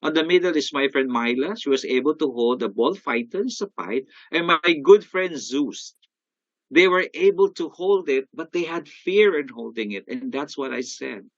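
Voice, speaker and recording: An older man with a Filipino accent giving an animated motivational sales talk, often calling out to his audience. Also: a little high, moderate pace, dry recording, muffled recording. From Philippines. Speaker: sales coach.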